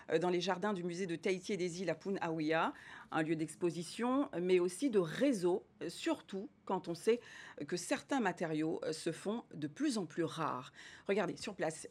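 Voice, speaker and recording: A woman news anchor interviews a guest and introduces reports in a TV studio, with a brisk, crisp delivery. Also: mid-range voice, a little mellow.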